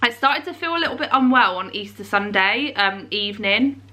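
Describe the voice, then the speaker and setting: Sniffly and stuffed up with a cold, this young lifestyle vlogger chats to camera at home in a rambling, talkative way. Her mid-range voice is expressive and brisk, with a sharp edge.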